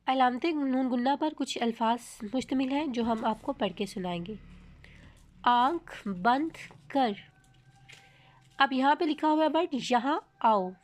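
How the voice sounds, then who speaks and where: A woman with a Pakistani Urdu accent teaching a grammar lesson, explaining patiently and drawing out each example word slowly. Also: high-pitched. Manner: explains slowly, reads example words drawn out.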